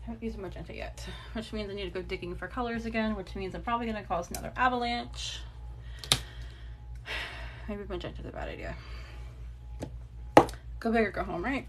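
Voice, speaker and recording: A woman in her thirties crafts on a TikTok phone livestream, chatting casually and rambling between stories with small laughs and the odd swear word. Her mid-range voice moves at a normal speed with long pauses, over a noisy background.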